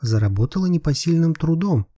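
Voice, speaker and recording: A man's voice: fairly high pitch, animated, fairly quick, mellow, voice pushed up. A man reading an audiobook, voicing a playful, ironic young woman private detective in a raised voice. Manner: teasing, ironic.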